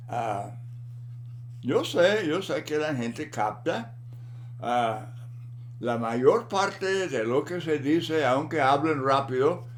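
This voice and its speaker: A man giving a Bible lesson in a slow, deliberate manner, often repeating words for emphasis. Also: on the high side, a little hiss or hum. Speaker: Bible teacher.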